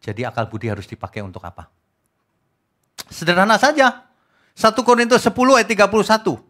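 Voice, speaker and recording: A man preaching an evening prayer sermon as pastor, with a mocking, lively manner. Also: high-pitched, a little fast.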